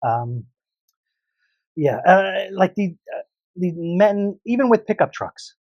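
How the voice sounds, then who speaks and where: Opinionated man, a bit high, dry sound. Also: sing-song, slow, no echo, muffled recording. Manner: opinionated, laughs often. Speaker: podcast co-host. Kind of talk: casual chat.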